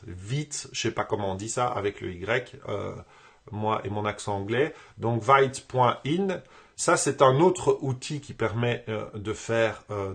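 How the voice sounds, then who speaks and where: Man, husky voice, business coach, live online tutorial, conversational, halting with repeats. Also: on the low side, a bit bright.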